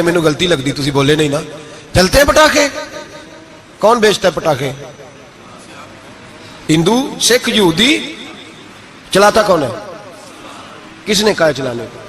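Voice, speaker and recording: A man's voice: high voice, bright, forceful tone. A male preacher, giving an emotional sermon and putting questions to the congregation. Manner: rhetorical questions to the congregation, rising to emphatic peaks.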